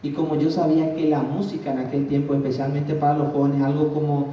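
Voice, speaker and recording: Earnest man telling his testimony from far off in a booming church hall, slightly high voice, muffled sound. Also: level tone, fast talker, a little hiss or hum. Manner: earnest, addresses the congregation directly. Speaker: guest giving a testimony. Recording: very echoey hall from far off, dull lo-fi.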